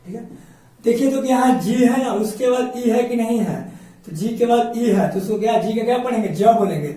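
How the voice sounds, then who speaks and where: A man's voice: extremely high pitch, moderate pace, dark tone. A male coaching teacher with a Bihari Hindi accent, explaining English pronunciation in a classroom lesson. He asks himself questions and answers them, repeating each point. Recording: echoey room, distant mic.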